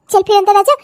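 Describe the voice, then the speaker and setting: A woman voicing a harsh, scolding cartoon stepmother who nags and curses in a shrill, rapid voice. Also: a little mellow. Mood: doting. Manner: shrill, nagging, cursing. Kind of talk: cartoon voice acting.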